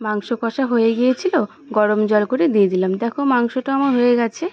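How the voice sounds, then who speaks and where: Young woman, fairly high voice, casual chat, narrates chores step by step, home kitchen, dull lo-fi recording. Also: fast, noisy background. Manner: chatty, narrates her chores step by step to viewers. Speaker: home cooking vlogger.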